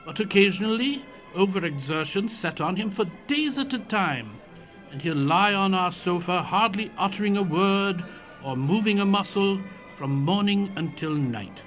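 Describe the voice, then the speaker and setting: Genial elderly Victorian doctor played by a man, courtly storyteller for audio theatre, high-set and lively pitch. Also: moderate pace, faint music behind. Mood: earnest. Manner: courtly, old-fashioned turns of phrase. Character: genial elderly Doctor Watson reminiscing, Victorian English gentleman.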